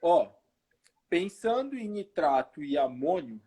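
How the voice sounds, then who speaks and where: Male researcher, slightly husky, calm explainer, live web call with glitching audio that keeps dropping out. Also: on the high side, takes it slowly. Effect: glitching, cutting-out audio. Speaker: guest researcher. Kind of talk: live online interview. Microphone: remote call over the internet.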